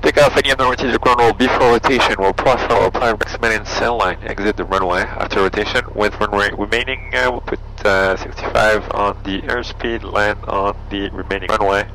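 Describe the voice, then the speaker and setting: A man with a low, gravelly voice is a private pilot briefing and flying a small plane from the cockpit. He's steady, brisk, and clipped, thinking aloud in short phrases with few pauses as he does procedural briefing and checklist talk. Through his aviation headset, engine and cockpit noise sit behind his voice.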